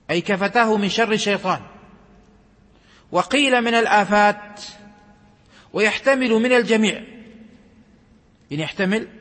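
A man reading religious narrations aloud and explaining them in a measured, recitative way, slowing down for emphasis. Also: sits high, fairly bright tone. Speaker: religious teacher. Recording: long hall reverb.

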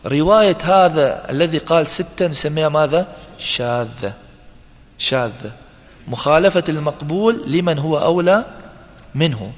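A male teacher giving a classroom lecture, repeating key terms slowly and putting questions to his students. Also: a little high, expressive. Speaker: teacher of hadith sciences. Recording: long reverb in a hall.

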